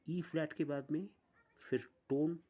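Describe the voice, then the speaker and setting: A man teaching an online music lesson, explaining step by step with pauses. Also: on the high side, steady tone, dark tone.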